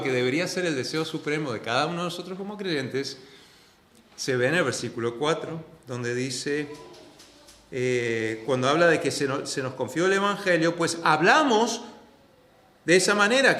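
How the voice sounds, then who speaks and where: A man from preaching a sermon as pastor, earnest and repetitive, swinging between loud stressed phrases and soft, low asides. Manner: earnest, repeats key phrases for emphasis. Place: church sanctuary. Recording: echoey church hall.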